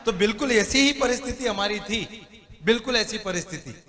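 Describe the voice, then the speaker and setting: A man's voice: sits high, normal speed, in a large hall. A man giving a motivational seminar talk, telling stories and often asking the audience whether they agree. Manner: lively storyteller who asks the audience for agreement. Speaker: motivational speaker. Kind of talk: stage seminar talk with storytelling.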